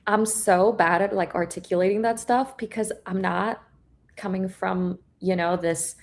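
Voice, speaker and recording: Appearing as a guest trader on a live stream, this young woman, a native Korean speaker, talks in a mid-range voice with fairly even intonation, a little slowly. The casual chat is blunt and full of fillers and swearing, and she laughs a lot.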